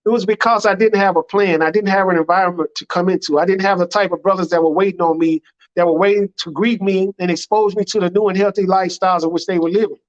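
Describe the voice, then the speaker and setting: Through a muffled, low-fidelity recording, a fast-talking American imam with a high, steady voice gives a religious public address. He speaks sincerely and simply, returning again and again to repeated phrases.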